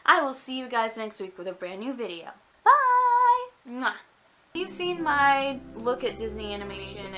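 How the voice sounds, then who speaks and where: A woman's voice: on the high side, low-quality recording. A young woman hosting a casual vlog, chatty and opinionated, sometimes repeating words as she talks. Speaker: YouTube host. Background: music.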